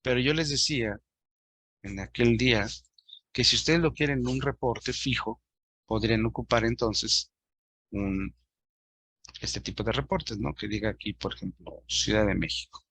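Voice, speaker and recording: A man's voice: mid-range voice, moderate pace, gravelly, long pauses, a bit bright, dry recording. A man teaching an online class, patiently explaining step by step and addressing his students directly.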